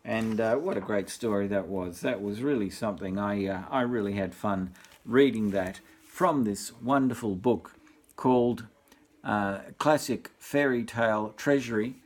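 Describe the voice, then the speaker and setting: A low-ish, slightly slow male voice belongs to an older Australian man, 60s or up, reading a bedtime story. The reading is informal and chatty, full of jokey, rambling asides and deadpan repetition.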